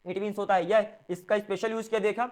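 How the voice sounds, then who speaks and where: An Indian man teaches a spoken English class in a high, light voice. He switches between Hindi and English and walks through examples one by one. He often asks a question and then answers it himself. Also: fairly even intonation, a little fast, a little mellow. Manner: explains step by step, asks and answers his own questions.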